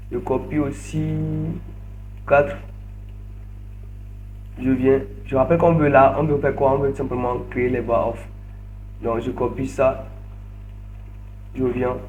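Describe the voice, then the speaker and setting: A man's voice: mid-range voice, darkish tone, a little hiss or hum. A man leading an online training session, narrating each click step by step and often repeating words over a video call. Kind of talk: screen-share tutorial.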